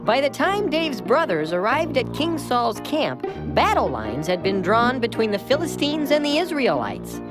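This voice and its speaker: Gentle cartoon narrator, very animated delivery, music behind. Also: mid-range voice, moderate pace, hardly any pauses. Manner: gentle, explanatory. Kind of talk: scripted storybook narration.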